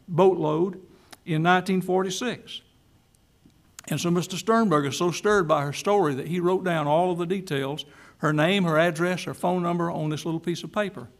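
Gravelly-voiced male pastor preaching. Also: on the high side. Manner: storytelling then emphatic preaching. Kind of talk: sermon. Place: church.

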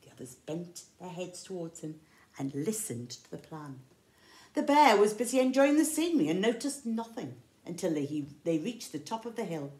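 Reading aloud to small children, this middle-aged infant school teacher with an English accent keeps her delivery expressive and sing-song, stopping to explain words plainly. She speaks at a moderate pace in a lowish, darkish voice, and the room with big windows gives off a spacious echo.

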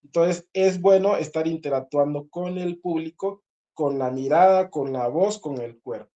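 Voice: mid-range voice, a little slow, warm tone, highs cut off. A singing teacher leading a group voice lesson, explaining patiently, repeating key points and checking in with the listeners.

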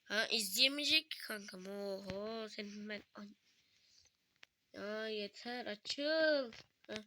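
A woman's voice: medium pitch, steady tone, takes it slowly, a bit bright. Joking, foul-mouthed young woman gamer. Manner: joking, swears freely, chatty with a friend. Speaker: gaming video host. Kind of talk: casual gameplay commentary.

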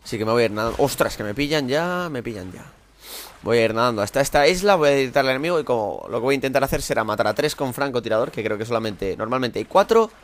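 Excitable Spanish man commentating gameplay. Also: medium pitch, racing, few pauses. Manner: excitable, talks to himself while playing, sudden loud outbursts. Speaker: gameplay streamer.

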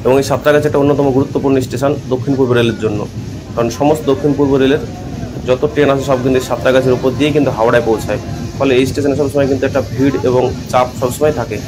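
Over a noisy background, a man with a medium-pitched, fairly even voice narrates a train trip as a travel vlogger. He moves fast, pointing out sights informatively in tour-guide fashion. Guitar music serves as a bed under the voice-over.

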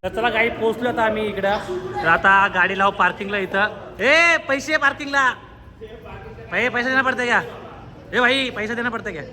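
Young male vlogger, high pitched, bright tone, playful banter. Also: steady tone, fairly quick. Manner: teasing, laughing banter. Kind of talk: casual vlog chat.

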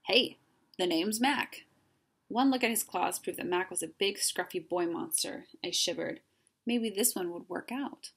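Woman storyteller for a children's book; lowish, slightly gravelly, expressive. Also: moderate pace. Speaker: reader. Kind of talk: children's story read-aloud.

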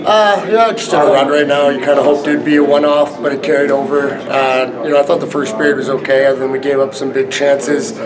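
A man in his thirties, a head coach answering reporters after a game, halting with many fillers and restarts. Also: mid-range voice, fairly even intonation, a crowd in the background. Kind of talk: post-game press scrum. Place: arena press area, indoors.

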